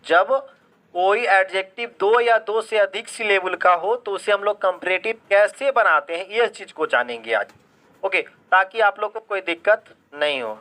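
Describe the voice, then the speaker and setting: Male teacher running a live online class, bright forceful tone, poses questions then answers them. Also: sits high, moderate pace. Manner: keeps checking if students understand; mixes English phrases into Hindi explanation. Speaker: English grammar teacher.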